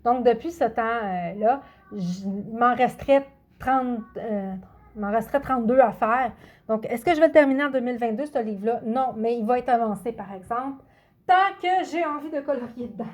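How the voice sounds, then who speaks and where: A chatty woman talks straight to her viewers in a relaxed vlog. Her voice sits a little high, and she often pauses to hunt for the next word. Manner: chatty, hesitant, hunts for words. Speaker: coloring channel vlogger. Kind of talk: casual vlog talk to camera.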